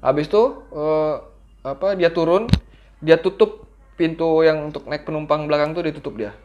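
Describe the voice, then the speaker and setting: A middle-aged father tells his kids a story with a casual, animated manner and a slightly high voice. He acts out his younger self now and then. The home recording sounds a little dull and muffled. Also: moderate pace, slight background noise. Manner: lively, acts out his own childhood lines. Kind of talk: casual bedtime-style storytelling.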